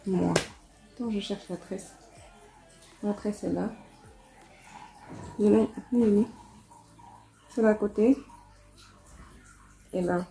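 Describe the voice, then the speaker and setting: Chatty French-speaking woman vlogger, mellow voice. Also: mid-range voice, slow pace, vocal fry, long pauses, faint music behind. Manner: animated, chatty, exasperated asides. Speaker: hair vlogger. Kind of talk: casual vlog chat.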